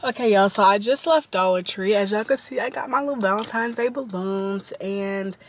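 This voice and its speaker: A young woman chatting casually to camera as a vlogger, her voice slightly hoarse from being sick. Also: mid-range voice, normal speed. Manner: chatty and relaxed with slang.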